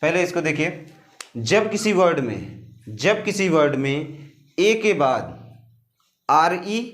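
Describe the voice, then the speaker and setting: A man's voice: on the high side, animated, slow, a bit bright. A man teaching English pronunciation in Hindi. He spells each word out letter by letter and patiently repeats the rules. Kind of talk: slow explanatory lesson in Hindi.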